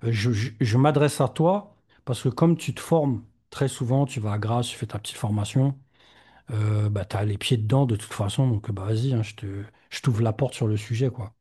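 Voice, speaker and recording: A man hosts a podcast in an easygoing chat. His voice is mellow and a little husky. He pauses often and fills the gaps as he goes. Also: medium pitch. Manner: relaxed, hesitant with many fillers. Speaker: podcast host. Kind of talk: casual chat.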